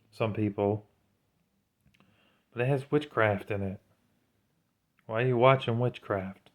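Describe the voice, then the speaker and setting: This man is a vlogger offering religious commentary, delivering an informal, sermon-like monologue in an earnest, admonishing manner. His voice is on the low side and narrow, and the audio sounds tinny.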